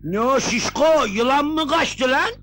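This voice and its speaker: An actor playing a bald, short-tempered village agha who shouts threats and bullies everyone around him. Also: male voice, extremely high pitch, expressive, measured pace, full character voice. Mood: blustering. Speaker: film villain. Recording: old film soundtrack with crowd noise.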